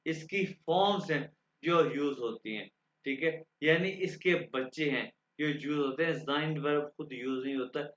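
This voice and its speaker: A man teaching a language lecture. He explains slowly and repeats himself, stopping often to check that the students follow. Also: on the high side, a bit bright. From Pakistan. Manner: slow and repetitive, checking understanding with the students. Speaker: German teacher. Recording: echoey room, dull lo-fi sound.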